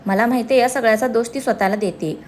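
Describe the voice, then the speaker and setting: A woman's voice: fairly high pitch, fast talker, slight background noise, natural voice. A woman voicing a teasing young man. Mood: playful. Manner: playful, teasing. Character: teasing young man, playful, injured in hospital.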